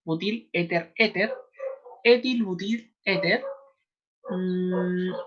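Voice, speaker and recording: A woman with a Chilean accent teaches an online chemistry class. She talks patiently and spells terms out slowly for her students. The audio is a little dull and lo-fi. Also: lowish voice. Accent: Chilean Spanish. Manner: patient, repeats names slowly, addresses students.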